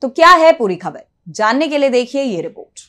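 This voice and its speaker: A woman's voice: high voice, very animated, a little fast, fairly bright tone. A woman news anchor presenting scripted breaking news with an emphatic, dramatic delivery.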